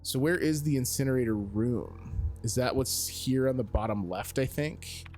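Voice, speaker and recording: A man's voice: mid-range voice, moderate pace, darkish tone, soft background music. A man giving casual video game commentary as a streamer, thinking aloud in a musing, self-questioning way.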